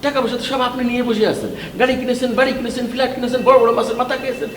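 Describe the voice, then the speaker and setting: An actor playing a scheming brother-in-law who wheedles and talks fast. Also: male voice, high voice. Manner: wheedling, fast-talking, animated. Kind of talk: TV drama acting. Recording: echoey room, faint noise.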